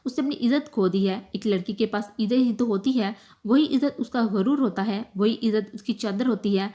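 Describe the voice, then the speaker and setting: Woman narrating a novel, slightly high voice. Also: warm tone. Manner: emotive, measured storytelling. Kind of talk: scripted novel reading.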